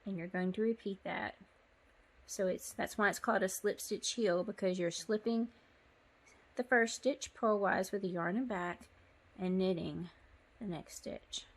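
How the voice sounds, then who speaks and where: A woman's voice: mid-range voice, a little slow. Chatty woman teaching sock knitting. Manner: chatty and apologetic, with frequent ums. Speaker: knitting tutorial host. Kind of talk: casual step-by-step knitting tutorial. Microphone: phone.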